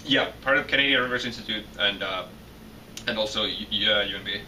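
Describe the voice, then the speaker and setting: Young Finnish-accented male grad student, bright tense tone, stumbling answers, distant mic with faint hiss. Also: fairly low pitch, a little fast. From Finland. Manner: hesitant, many restarts and repeated words. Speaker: PhD student guest. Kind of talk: interview answers.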